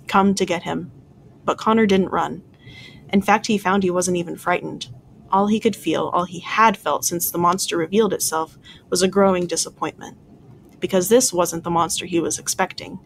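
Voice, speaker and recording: A school librarian reading a novel aloud in an even, steady storytelling manner. The voice sits at a middle pitch with a gravelly texture, and faint noise sits behind it.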